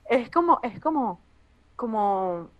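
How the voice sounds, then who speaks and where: A young woman comedian with a Venezuelan accent talks in an easy, conversational way. Her voice sits a little high, and she is blunt, profane and quick with asides. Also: big pitch swings, dull audio. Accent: Venezuelan Spanish. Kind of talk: casual podcast conversation.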